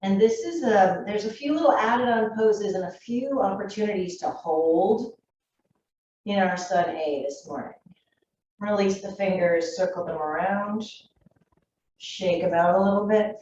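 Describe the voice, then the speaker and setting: A woman in her thirties guiding a yoga class in a calm, gentle voice, still a little froggy in the morning and clearing her throat now and then. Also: mid-range voice, a little slow, a little hiss or hum. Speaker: yoga teacher. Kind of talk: guided yoga class instruction. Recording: dull, echoey room from a distance.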